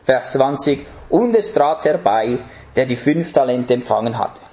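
A man's voice: medium pitch, lively intonation, measured pace, dark tone, roomy sound. A man preaching a sermon in an emphatic way, putting rhetorical questions to the congregation.

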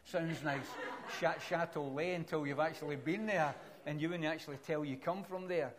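A man's voice: fairly high pitch, normal speed, a crowd in the background. Glaswegian man preaching a sermon. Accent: Glaswegian Scottish. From Scotland. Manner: conversational, self-deprecating asides between scripture readings.

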